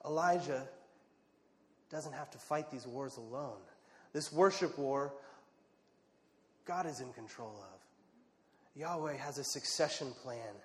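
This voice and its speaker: A man's voice: mid-range voice, takes it slowly, long pauses. Man preaching in a reverberant church hall. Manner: dramatic, drops to a hush for quiet moments. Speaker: pastor. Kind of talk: sermon. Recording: long reverb of a large hall.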